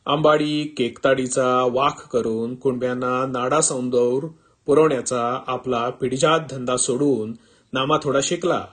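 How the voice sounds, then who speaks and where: A man reading a literary story in the first person, with calm, measured narration. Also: medium pitch.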